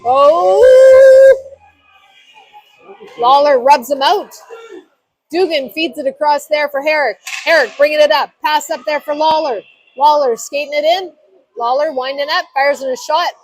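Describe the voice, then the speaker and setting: A woman's voice: high-pitched, normal speed, slight background noise, low-quality recording. A woman doing live hockey play-by-play commentary in short, clipped phrases.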